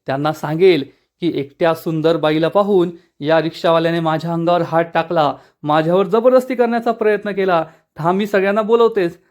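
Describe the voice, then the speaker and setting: A scheming, quick-tempered old woman scolds in snappy retorts, as a man reads her part. The voice sits high. It is delivered in plain storytelling fashion, as a quoted line in a spoken recap. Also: fairly even intonation, lightly acted. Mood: threatening. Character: feisty old woman, sharp-tongued and scheming.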